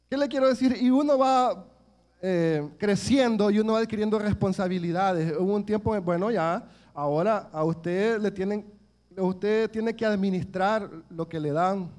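A man's voice: high-pitched, darkish tone. A man, preaching a sermon and telling stories from his childhood in an earnest way, often calling his listeners brothers.

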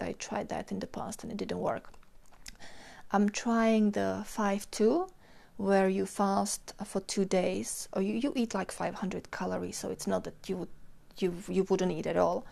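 A hoarse woman hosting a casual solo podcast, rambling and apologetic with many hesitations. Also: mid-range voice, darkish tone. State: hoarse, has lost her voice. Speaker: podcast host.

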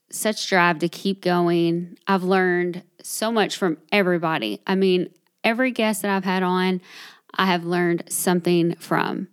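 A woman's voice: on the low side, clear, resonant tone, no echo. Woman doing her solo podcast, chatty, laughs at herself, takes her time, dry mic. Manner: chatty, upbeat, self-deprecating. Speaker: podcast host.

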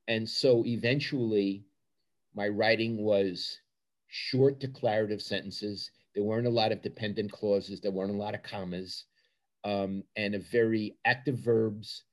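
An older man with a Brooklyn accent answering interview questions as a sports journalist, with emphatic repetition and short punchy phrases. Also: lowish voice.

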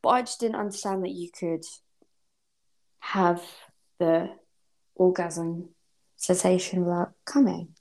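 A woman's voice: lowish voice, steady tone, takes it slowly, pauses often, darkish tone. A woman, chatting casually and frankly as a podcast host. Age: 20s. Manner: frank, informal, swears. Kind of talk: casual chat.

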